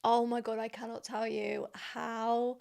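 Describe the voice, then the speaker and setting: A young woman chatting as a podcast co-host, giggly and quick to poke fun at herself. Her voice sits a little higher than most women's. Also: flat delivery, gravelly, a little mellow. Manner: giggly, self-deprecating. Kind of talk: casual chat.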